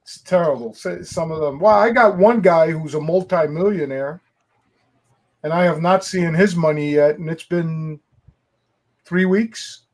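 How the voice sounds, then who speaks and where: A man in his sixties hosting a casual stream chat, chatty and quick to laugh, grumbling about clients who pay late. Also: fairly high pitch, darkish tone. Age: 60s.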